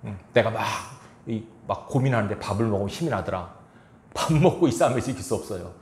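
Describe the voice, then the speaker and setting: A man's voice: lowish voice, animated, fast talker, a little mellow. A male pastor giving a sermon, reading scripture and then pressing the congregation with rhetorical questions. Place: church sanctuary. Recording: echoey church room.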